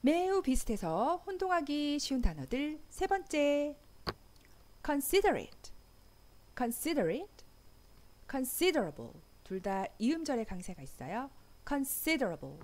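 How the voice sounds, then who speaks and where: Slow, lively woman teaching English. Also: high voice. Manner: slow, carefully enunciated example sentences. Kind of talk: language lesson. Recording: faint background music.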